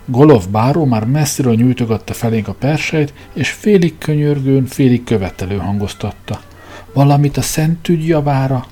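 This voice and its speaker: A man narrating a humorous novel in a measured, expressive storytelling manner. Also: fairly low pitch, slightly rough. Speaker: audiobook narrator.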